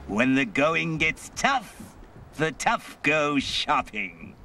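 An actor voicing a manic, cackling male clown villain in a cartoon, with a theatrical sneering delivery, over loud music. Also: fairly high pitch, very animated, extremely slow, heavily acted. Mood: gleeful menace.

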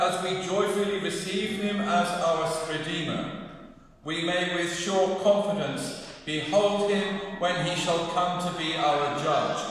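A clergyman with a rather high voice intones prayers and a blessing in a slow, measured, formal way. He is caught by a distant mic in a large stone chapel, so a heavy cathedral echo and a long reverb tail hang on every phrase. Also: fairly bright tone, a little hiss or hum. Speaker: clergyman leading the service. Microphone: distant room mic.

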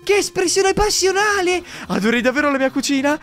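A man voicing a boastful, loud male skeleton from a video game, with grandiose, theatrical delivery. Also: very high voice, lively intonation, a little fast, soft background music, pitched above the performer's own voice.

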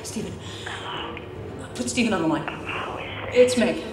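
A woman's voice: mid-range voice, expressive, measured pace, very echoey, distant mic, background noise, lightly acted. A woman playing a frantic, demanding caller in a film scene. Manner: urgent, demanding. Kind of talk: film acting.

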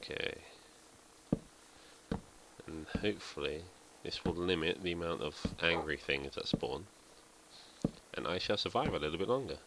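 A man's voice: sits low, moderate pace, pauses often, noisy background. A man giving casual, rambling gameplay commentary as a let's play host, thinking aloud and poking fun at himself.

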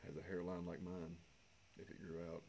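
A middle-aged man co-hosting a card break, chatting in a halting way with dry asides. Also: low voice, completely flat delivery, warm tone. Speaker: co-host. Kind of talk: casual chat.

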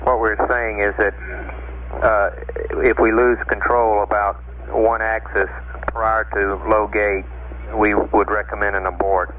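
A man's voice: on the low side, flat delivery, a little slow. A man working as a mission-control communicator, speaking matter-of-fact procedural radio talk over a transmission. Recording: noisy, narrow-band archival space radio link. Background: loud radio static and noise.

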